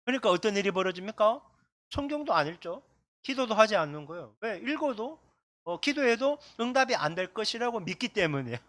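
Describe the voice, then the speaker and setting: A man's voice: sits high, sing-song, fairly quick, a bit bright, dry recording. A middle-aged man from South Korea, a pastor preaching a sermon in a conversational way, pointing to slides and acting out quotes.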